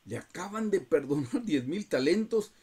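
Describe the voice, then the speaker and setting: A man's voice: fairly high pitch, expressive, moderate pace, a little mellow, breathy edge. A man teaching a Bible study over a video call, earnest and often addressing his listeners as brothers.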